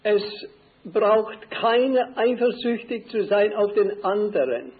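An older man preaching a sermon slowly and deliberately, repeating key phrases for emphasis. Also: high-pitched, expressive. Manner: slow, deliberate, emphatic repetition. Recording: tinny phone-like old recording.

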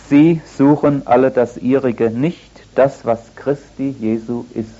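An older man delivers a sermon with an easy, storytelling manner and a dry touch of humor. His voice sits in an ordinary middle register. The sound is dull and lo-fi, like an old radio broadcast. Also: medium pitch. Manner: conversational, anecdotal preaching with gentle humor. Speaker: preacher.

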